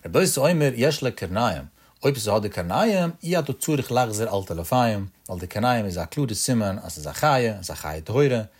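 A man's voice: on the low side, big pitch swings, normal speed, breathy edge. A man teaching a religious law lesson, posing rhetorical questions in a rising, sing-song study cadence.

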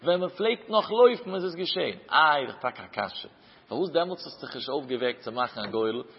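A man's voice: fairly high pitch, expressive, fairly quick, husky. A man teaching a traditional Talmud lecture, chanting the source text and explaining it through questions. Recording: dull lo-fi recording with long hall reverb.

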